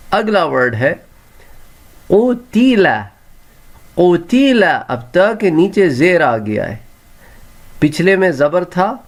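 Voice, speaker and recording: A man teaching a Quran reading lesson, sounding out each word slowly and clearly and then repeating it. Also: fairly high pitch. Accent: Pakistani Urdu.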